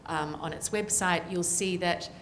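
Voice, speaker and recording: A woman's voice: fairly low pitch, fairly even intonation, a little slow, fairly bright tone, slight background noise. New Zealand woman speaking on a panel. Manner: earnest, with frequent ums. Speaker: panel speaker, political scientist. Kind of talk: panel discussion remarks.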